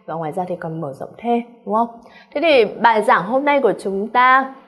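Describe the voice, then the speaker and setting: Husky-voiced Vietnamese woman, animated English exam-prep teacher. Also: on the high side, moderate pace. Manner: animated, keeps checking in with students; calls herself by name in third person. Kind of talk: online exam-prep lesson.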